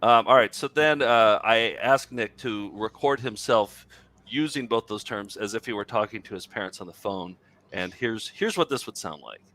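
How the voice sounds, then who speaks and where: Man co-host, bright voice, playful and chatty, explains the gag at length. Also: fairly low pitch, normal speed. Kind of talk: comedic banter.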